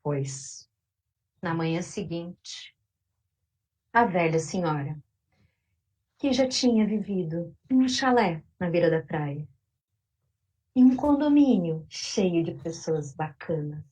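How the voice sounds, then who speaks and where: A woman with a Brazilian Portuguese accent telling a story to children, expressive and with dramatic pauses. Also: lowish voice, husky.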